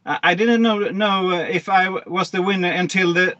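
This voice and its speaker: Bright-voiced man, hesitant. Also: high voice, steady tone, a little fast, muffled recording. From Sweden. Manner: hesitant, many fillers. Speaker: interviewee, online race winner. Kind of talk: casual interview.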